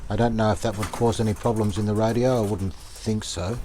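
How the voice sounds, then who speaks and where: Over steady background noise, a man with a fairly low pitch talks briskly through a repair video as a hobbyist restoring radios. His commentary is casual and hands-on, a tentative think-aloud as he works.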